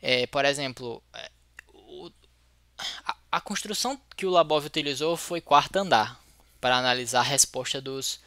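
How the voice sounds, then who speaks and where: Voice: medium pitch, moderate pace, pauses often, sharp tone, no echo, studio quality. A teacher with a Brazilian Portuguese accent giving an explanatory lecture, thinking aloud and restarting words mid-sentence.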